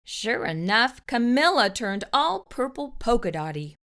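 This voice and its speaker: A woman narrating a children's storybook in an expressive, deliberate way as a storyteller. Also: a little high.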